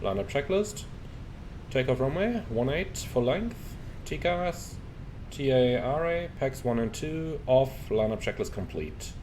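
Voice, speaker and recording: A male airline pilot talking through his cockpit headset mic, calling checklists and radio calls calmly and adding relaxed asides. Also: mid-range voice, measured pace. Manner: calm, crisp call-outs, relaxed asides. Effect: pilot speaking into a cockpit headset mic. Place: airliner flight deck. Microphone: headset boom mic. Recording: steady cockpit air and engine hum.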